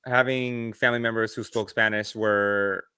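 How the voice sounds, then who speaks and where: A man co-hosting a podcast, telling animated stories in casual chat and swearing freely. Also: fairly low pitch, normal speed, clear, resonant tone, no room sound, studio quality. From United States. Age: adult, past his early twenties. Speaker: podcast co-host.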